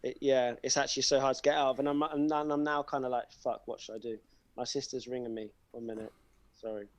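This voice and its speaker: A man's voice: medium pitch, fairly even intonation, fast, heavy background noise. A man appearing as a guest on a podcast, chatting in a friendly, easygoing way over a remote call. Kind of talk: casual podcast chat.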